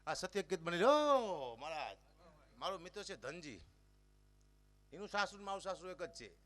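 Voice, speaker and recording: A man's voice: high voice, normal speed, a little hiss or hum. A man telling comic folk stories on stage and acting out the characters with lots of energy. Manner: animated, acts out characters. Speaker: folk storyteller.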